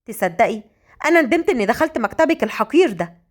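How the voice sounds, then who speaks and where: A woman with an Egyptian accent voicing a bossy young female coworker, quick and scolding. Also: fairly high pitch, sing-song. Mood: irritated. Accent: Egyptian Arabic.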